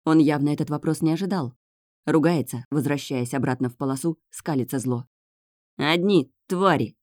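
A woman narrating a first-person novel as an audiobook, in a tense, hushed inner voice. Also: low-pitched, steady tone, brisk, dry recording, clean studio sound.

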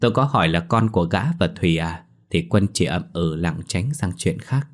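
A man narrating a first-person ghost story in a steady storytelling manner. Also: low-pitched, moderate pace.

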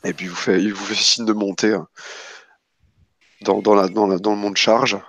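Low-voiced man narrating a tabletop game. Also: fairly even intonation, a bit bright, no echo. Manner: halting, repeats words, casual. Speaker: game master.

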